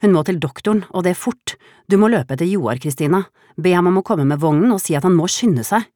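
A woman's voice: on the low side, lively intonation, dark tone, dry recording, studio quality, pitched above the performer's own voice, close to an everyday voice. A woman reading aloud and voicing a frightened young woman who gives urgent orders at an accident, in a raised voice. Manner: urgent, anxious, commanding. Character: worried young woman, foster mother.

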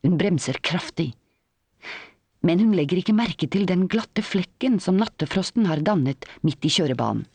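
Measured storybook narrator, dry close sound. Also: medium pitch, a little mellow, breathy edge, dry recording. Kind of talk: audiobook narration.

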